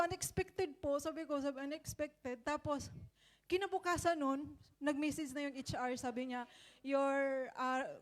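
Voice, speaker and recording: Woman giving an emotional testimony. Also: high-pitched. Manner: emotional, animated retelling with quoted dialogue. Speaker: church member giving testimony. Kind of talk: personal testimony.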